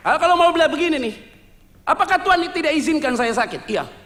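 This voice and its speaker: A male pastor preaching a sermon, telling his story in a lively, joking way and mixing in English words. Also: very high voice, fast talker, in a large hall, some chatter behind, slight background noise. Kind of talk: sermon testimony. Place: church sanctuary.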